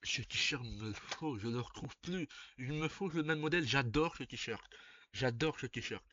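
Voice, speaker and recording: A young man, chatting casually on a live stream as he reacts, swearing and breaking into loud laughs. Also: medium pitch, a little slow, muffled recording, a little hiss or hum. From Belgium.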